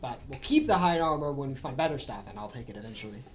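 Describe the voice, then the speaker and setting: A man's voice: mid-range voice, animated, quick pace, echoey room. A man with a mid-range voice plays a tabletop game, thinking aloud and planning the group's moves in a practical way. A faint hiss of background noise lies under the recording. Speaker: player.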